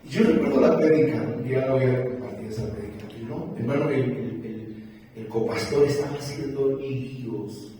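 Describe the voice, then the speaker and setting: A man preaching a sermon as pastor, telling stories and swinging from loud emphatic peaks to quiet low passages. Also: normal speed. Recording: echoey church hall from far off, faint noise.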